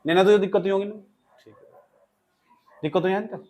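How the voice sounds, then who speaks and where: Male teacher, high voice, teasing, quizzing a class. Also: fairly even intonation, fast talker, dark tone. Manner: scolding, teasing, quizzing students. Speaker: grammar teacher. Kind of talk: classroom lecture.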